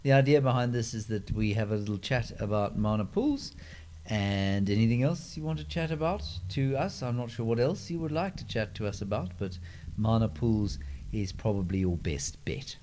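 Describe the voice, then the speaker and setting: Male host for a relaxed live Q&A, low warm tone, dry self-deprecating wit, handheld mic. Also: normal speed, slight background noise. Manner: dry, self-mocking humour with playful put-on voices. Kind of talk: casual live Q&A chat. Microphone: handheld microphone.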